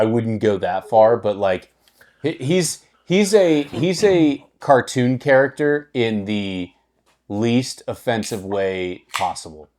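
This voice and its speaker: A man's voice: lowish voice, darkish tone. A man co-hosting a podcast, telling stories in casual, profane chat with lots of restarts. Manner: profane, rambling storyteller with many restarts. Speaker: podcast co-host.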